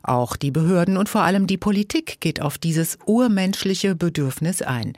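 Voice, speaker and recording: A woman reporter narrating a scripted radio feature from a dry, close studio. Her pitch sits mid-range, and her measured delivery carries a light ironic edge. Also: lively intonation, darkish tone, dry recording. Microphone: studio microphone.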